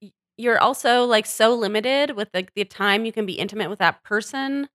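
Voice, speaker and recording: A woman co-hosting a casual podcast chat with a bright, sharp voice. She talks bluntly and heatedly and swears freely. The sound is dry and close. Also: a little high, normal speed, dry recording. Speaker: podcast co-host.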